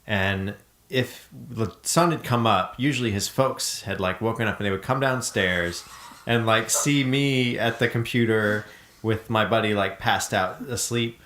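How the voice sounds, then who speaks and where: A male podcast host talks at an unhurried, slow pace, rambling through a story with plenty of fillers. The room around him is echoey and reflective. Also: lowish voice. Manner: relaxed, rambling storytelling with many fillers and laughs. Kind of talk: casual chat.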